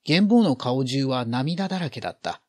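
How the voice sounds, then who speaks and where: Lively male storyteller, dry sound. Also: medium pitch, moderate pace, no room sound. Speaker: narrator. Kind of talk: expressive literary reading.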